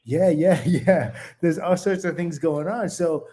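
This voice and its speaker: A man's voice: a little high, a little slow, dark tone. A man, a former boxer, co-hosting a boxing talk show, explaining at length with many restarts. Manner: rambling, restarts mid-sentence, explanatory. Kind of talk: casual boxing chat.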